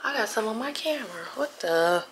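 A woman's voice: on the high side, lively intonation, fairly quick, noisy background. A woman chatting casually to her viewers as she fixes up a room at home. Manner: chatty, talks straight to viewers. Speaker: home renovation vlogger. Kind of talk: casual vlog chat. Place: at home, indoors.

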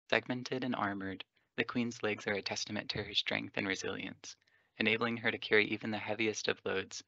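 A man reads documentary-style narration in a low, monotone voice with a gravelly, forceful edge. The recording is dry and close. It has a dull, lo-fi sound. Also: no room sound. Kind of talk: scripted nature-documentary narration.

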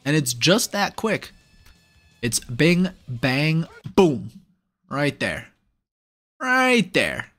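A man's voice: fairly high pitch, lively intonation, extremely slow, soft background music. A man giving a casual, analytical voice-over breakdown of sumo matches, upbeat and with playful asides. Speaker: sumo commentator. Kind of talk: casual play-by-play video breakdown.

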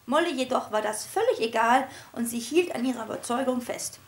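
A woman gives a lively storybook reading of her own children's book. Her voice is high and expressive, with animated pitch shifts, and she reads fairly quickly.

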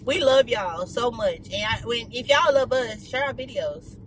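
A man's voice: very high-pitched, lively intonation, normal speed, fairly bright tone, slight background noise, poor audio. A young man, chatting and teasing viewers while driving for food delivery in his car. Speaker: vlogger and delivery driver. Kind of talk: casual chat while driving.

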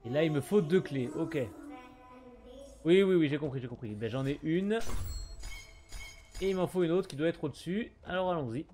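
A man's voice: on the high side, normal speed, pauses often, mellow. A man casually commenting on his gameplay, chatting with viewers and reading on-screen text aloud in a muttering way. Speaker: gaming streamer. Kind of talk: casual let's play commentary. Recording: light game music behind.

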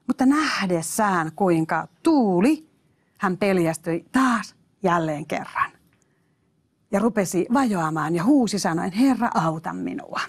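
A woman's voice: medium pitch, lively intonation, breathy edge. A woman preacher giving a sermon, emphatic, exclaiming hallelujahs and speaking straight to her listeners.

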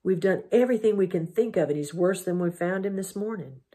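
A woman voicing a gentle, practical frontier man who speaks in a matter-of-fact way, in a husky voice. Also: on the low side, a little fast. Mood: resigned.

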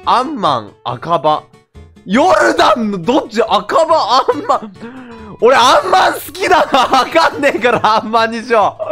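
A man giving casual, excitable commentary while playing a platform game, laughing and talking to himself as he goes. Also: very high-pitched. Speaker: game streamer.

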